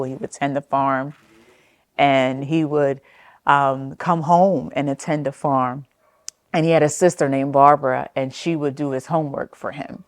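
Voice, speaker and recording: A low-voiced woman from New Jersey speaks unhurriedly, with no echo in the recording. As an oral history interviewee telling reflective personal stories, she's gentle and slow, with frequent "um"s and soft trailing phrases.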